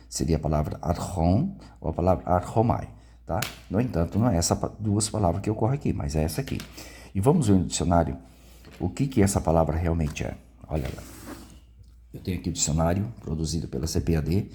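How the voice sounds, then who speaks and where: A Brazilian Bible teacher with a Brazilian Portuguese accent gives an informal lesson in a low-pitched, dark, husky voice. His style is conversational, full of tag questions as he checks in with listeners.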